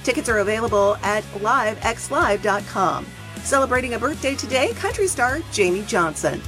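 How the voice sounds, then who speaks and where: American woman presenting radio entertainment news, highish voice. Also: animated, normal speed, over music. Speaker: country music news presenter.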